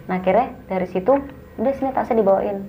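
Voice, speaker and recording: A young woman, telling a story as a guest in a casual, animated way and acting out the dialogue. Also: medium pitch, quick pace, lo-fi sound, slight background noise.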